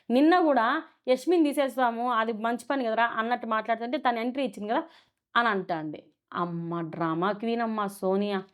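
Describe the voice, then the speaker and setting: A woman giving a chatty, animated recap of a reality show episode in casual commentary. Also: fairly high pitch. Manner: chatty, animated retelling with many fillers and restarts.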